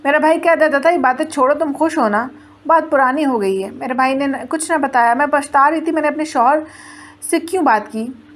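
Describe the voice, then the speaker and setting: Brief: young woman, twenties, high bright voice, first-person storytelling narration. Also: normal speed. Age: 20s. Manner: plain storytelling, quoting others in her own voice.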